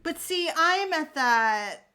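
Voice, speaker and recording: A middle-aged woman chatting casually as she works on a craft, candid and quick to swear, laughing often and correcting herself mid-sentence. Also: high-pitched, expressive, very noisy. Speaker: crafter chatting while working. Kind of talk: casual chat.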